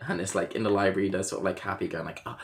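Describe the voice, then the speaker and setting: A man's voice: low voice, racing. A man in his twenties, a podcast host, chatting casually and laughing often as he tells stories. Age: 20s. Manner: laughs often, animated storytelling. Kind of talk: casual chat.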